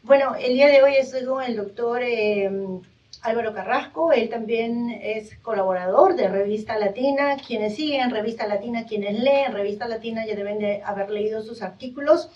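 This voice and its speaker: A woman hosting a live radio interview from a studio, speaking hesitantly with many drawn-out fillers. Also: on the high side, a little mellow. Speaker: radio host. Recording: dull, distant radio recording.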